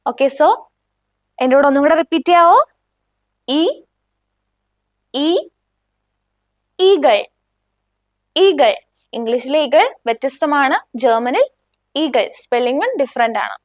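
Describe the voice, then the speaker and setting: Slow high-voiced woman teaching German. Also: no echo, clean studio sound. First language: Malayalam. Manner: slow, clear, repeats each word for the learner. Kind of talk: beginner language lesson.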